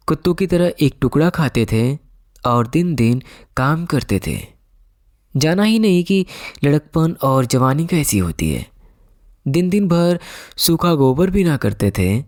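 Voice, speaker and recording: A man's voice: on the high side, a little mellow, dry recording, studio quality. A man voicing an angry, resentful young villager in an audiobook, hurling bitter insults.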